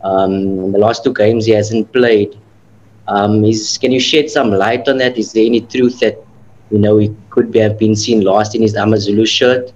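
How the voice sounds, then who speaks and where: A newspaper reporter with a low voice asks the coach a question. He hesitates and fills gaps with ums, and his voice comes over a dull, lo-fi remote line. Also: fairly even intonation, moderate pace, a little mellow. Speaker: newspaper journalist. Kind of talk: press conference question.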